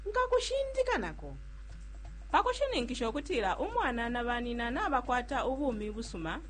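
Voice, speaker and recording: Woman acting a caring, animated experienced mother. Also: fairly high pitch, brisk. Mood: reassuring, advising. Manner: reassuring, persuasive. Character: caring experienced mother advising a younger new mother. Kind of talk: acted health radio spot dialogue. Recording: humming, slightly noisy recording.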